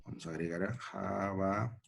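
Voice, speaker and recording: A man's voice: low voice, gravelly. A man teaching a grammar lesson at a board, repeating points and checking in with short questions. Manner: slow, repetitive, checking in with "¿no?" and "¿ya?".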